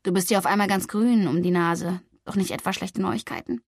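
A woman voicing a stern, sensible young man who speaks firmly and briskly, lecturing his cousin. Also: medium pitch, fairly even intonation, gravelly, no echo, studio quality. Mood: concerned.

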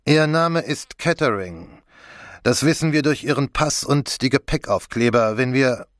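A man voicing an excitable, effusive middle-aged French police commissioner in an audiobook. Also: medium pitch, unhurried, no echo, clean studio sound, voice pushed up, natural voice. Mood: official. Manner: eager, effusive, fussy. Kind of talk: audiobook character voice.

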